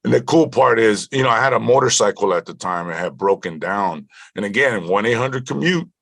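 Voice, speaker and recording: Man from Compton, deep voice, dry close recording; animated storyteller who acts out dialogue. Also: fairly quick, vocal fry, dry recording. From Compton, California (born in Mexico). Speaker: actor telling his career story. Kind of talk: casual storytelling interview.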